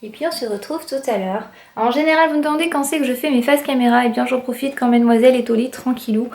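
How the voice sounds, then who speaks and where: With a high-pitched, fast and slightly mellow voice, a young woman does a casual vlog chat to camera. She's a family vlogger filming indoors in her apartment, upbeat and leaning on plenty of fillers.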